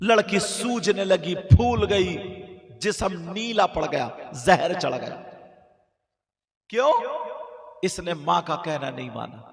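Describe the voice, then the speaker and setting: A man preaching a dramatic story sermon at a religious gathering, in a sing-song, drawn-out delivery that swings between high cries and hushed passages. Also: vocal fry, a crowd in the background. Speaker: Islamic preacher. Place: large outdoor religious gathering with stage. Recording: echoey public address with long reverb.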